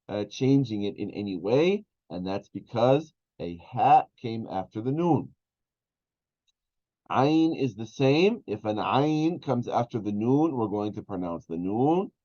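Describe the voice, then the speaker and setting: A man teaching an Arabic class, explaining slowly with many fillers and restarts. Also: mid-range voice, mellow. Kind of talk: online class lesson. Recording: dull lo-fi sound.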